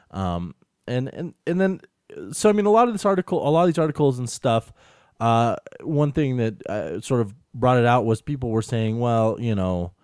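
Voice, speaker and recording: An American man with a relaxed, mellow voice co-hosts a casual tech podcast. He talks in an earnest, rambling way, dotted with "you know". The sound is dry, with no room around the voice. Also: mid-range voice, no echo. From United States. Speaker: podcast co-host.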